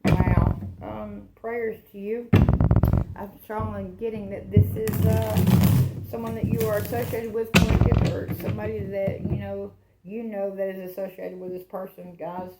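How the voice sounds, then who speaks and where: A woman's voice: medium pitch, level tone, moderate pace, reverberant, over loud music, poor audio. A woman hosting a casual tarot reading for her channel, rambling and chatting, often laughing at herself. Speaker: tarot reader and channel host.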